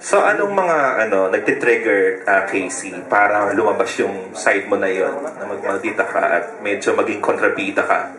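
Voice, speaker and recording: A man's voice: on the low side, normal speed, hardly any pauses. A man with a Filipino accent questioning celebrities at a press conference, firing probing questions in mixed Filipino and English. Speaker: entertainment reporter. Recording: roomy hall with crowd noise.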